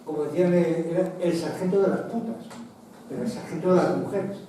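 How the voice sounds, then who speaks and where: Indoors at an association meeting hall, a military history lecturer presents slides in a mellow, slightly high voice that runs a little fast. He chats his way through, wandering off topic with frequent restarts and asides, captured on a distant mic with echo and faint background noise.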